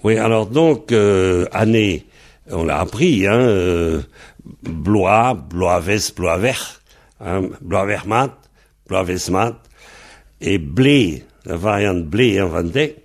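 A man's voice: low-pitched, animated, takes it slowly. A man teaching Breton pronunciation, patiently spelling words out letter by letter. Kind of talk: slow spelled-out language lesson.

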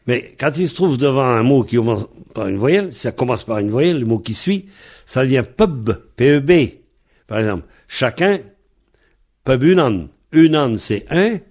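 A man's voice: mid-range voice, lively intonation, moderate pace, a little mellow. A man teaching a language lesson, explaining pronunciation step by step and spelling out letters.

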